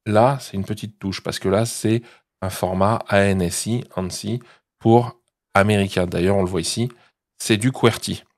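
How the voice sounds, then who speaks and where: A man's voice: lowish voice, fairly even intonation, normal speed. A man hosting a tech channel, chatting casually through a product review and explaining each step, often checking in with his viewers.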